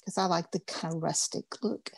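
A woman's voice: fairly low pitch, fairly even intonation, moderate pace, no echo. A woman, teaching a craft class in a chatty, upbeat, folksy way. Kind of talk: casual craft class instruction.

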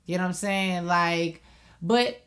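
Young woman, casual podcast chat, animated storyteller, keeps saying "you know what I'm saying". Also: fairly low pitch, a little slow. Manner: animated storytelling, acts out relatives' voices. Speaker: podcast co-host.

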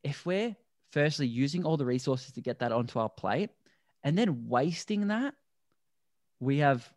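A man's voice: mid-range voice, dry recording. Earnest man, dry close sound. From Australia. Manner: earnest, explanatory, talks deliberately slow. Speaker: podcast guest, endurance athlete. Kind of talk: conversational interview.

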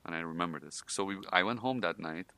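An Iranian man hosts a podcast, telling stories from his own life in a casual, laughing way full of fillers. His low voice is sharp in tone and he talks fast, with no room sound.

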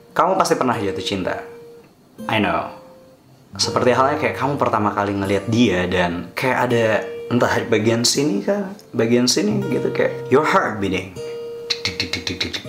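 A man's voice: medium pitch, expressive, moderate pace. Chatty male vlogger, echoey room. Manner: chatty and reassuring, switching between Indonesian and English. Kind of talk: casual talk to camera. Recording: echoey room with soft guitar music.

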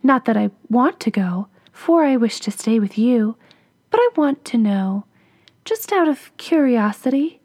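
A woman voicing a gentle, sly young maiden who speaks softly and coaxingly. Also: fairly high pitch, sing-song, unhurried, no echo, clean studio sound, heavily acted. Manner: soft, coaxing.

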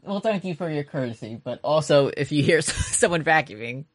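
Low-voiced, animated woman podcast co-host. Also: a little fast, a crowd in the background. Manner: joking, riffing. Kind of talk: casual comedic banter.

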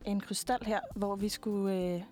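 A young woman talks in a relaxed, unhurried way, often pausing with fillers as she searches for words. Her voice sits at a middle pitch. Faint music plays underneath. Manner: relaxed, hesitant with many fillers. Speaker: guest singer. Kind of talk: casual interview chat.

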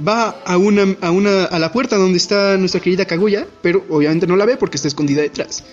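A man co-hosting a podcast, recapping an anime episode in animated, rambling casual chat. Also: sits high, fast. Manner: animated, rambling, self-deprecating. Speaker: podcast co-host. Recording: slightly dull podcast audio with faint music.

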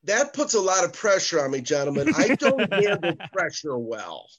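A man's voice: high voice, wildly swooping pitch, normal speed, over a noisy crowd. A man chatting casually as a sports betting guest, heard over a video call. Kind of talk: casual chat.

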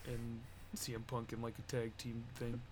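A man's voice: mid-range voice, moderate pace, background noise. A man co-hosting a podcast, chatting loosely and swearing as he tells wrestling stories. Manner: loose, profane, animated storytelling. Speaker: podcast co-host. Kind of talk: casual chat.

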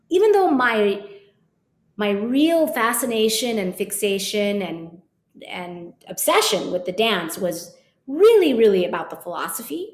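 Reflective woman telling a story in an echoey room. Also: mid-range voice. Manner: reflective, animated, quotes her teacher in lively voices. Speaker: guest, Kathak dancer and teacher. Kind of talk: storytelling interview.

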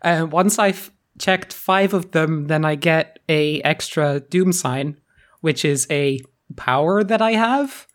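A tabletop player who speaks slowly and hesitantly, working out their character's moves aloud. Their pitch sits in the middle, and fillers and restarts come often as they explain the rules. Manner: halting, thinks aloud with many fillers. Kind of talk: casual tabletop play.

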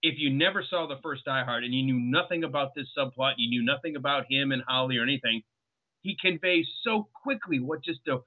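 A man guesting on a podcast, talking about a film scene in an animated, amused way. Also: medium pitch, fairly quick, phone-quality sound. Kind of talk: casual film discussion.

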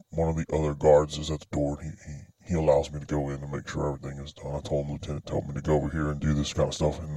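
A man playing a frightened military private, stammering and halting in a disguised deep voice through a voice changer. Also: dark tone, breathy edge, dry recording, full character voice. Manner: nervous, halting, stammering, repeating words. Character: frightened anonymous military private telling his secret story. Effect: pitched-down voice changer. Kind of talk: confessional testimony for a podcast.

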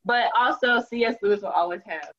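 Relaxed woman saying "y'all," dull sound. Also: mid-range voice, brisk. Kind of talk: casual group chat.

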